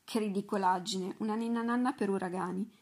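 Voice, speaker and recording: Woman doing a grumbling gruff old sailor. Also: mid-range voice, steady tone, a little fast, darkish tone, lightly acted. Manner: mutters and grumbles.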